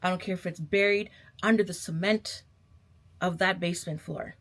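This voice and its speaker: A woman's voice: fairly low pitch, steady tone, normal speed. A young adult woman vlogger giving a casual motivational pep talk to camera, sassy and emphatic, repeating herself and calling her viewers babe.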